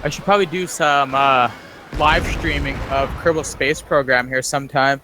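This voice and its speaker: A man with a scratchy, medium-pitched voice hosts a video game let's play, speaking steadily at normal speed. Recorded on a basic, noisy home microphone, he chats casually and rambles through the gameplay.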